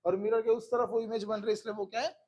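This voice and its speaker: A man's voice: sits high, flat delivery, fast talker, a little mellow. A man teaching a physics class who keeps repeating questions to his students and coaxing them along.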